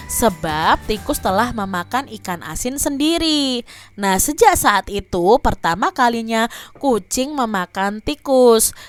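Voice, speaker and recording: A woman teacher telling a fable to young children and explaining the lesson, often speaking to them directly. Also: medium pitch. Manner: addresses children warmly as adik-adik. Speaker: primary school teacher.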